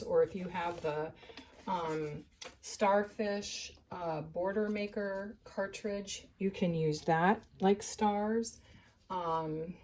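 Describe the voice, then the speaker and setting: A woman's voice: fairly low pitch, a little mellow, a little hiss or hum. Chatty woman demonstrating crafts. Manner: chatty, thinking aloud while working. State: a little out of breath. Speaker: scrapbooking instructor. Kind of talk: casual craft tutorial.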